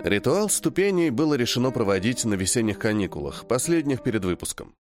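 A man reading a first-person fantasy audiobook in a measured, matter-of-fact way. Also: mid-range voice, very animated, soft background music. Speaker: audiobook narrator.

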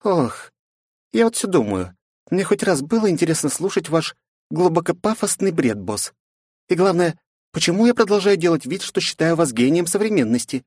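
A man's voice: on the high side, big pitch swings, moderate pace, a little mellow, slightly rough, no room sound, pitched above the performer's own voice. Audiobook figure: a scolding, sarcastic young woman, read by a man. Dry studio sound. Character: sharp-tongued young woman sidekick, exasperated. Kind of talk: audiobook character voice.

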